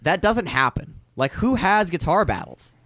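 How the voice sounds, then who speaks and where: A man's voice: sits high, sing-song, moderate pace, fairly bright tone, no room sound. A man chatting casually on a podcast, telling stories in informal, slangy speech. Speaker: podcast participant, musician.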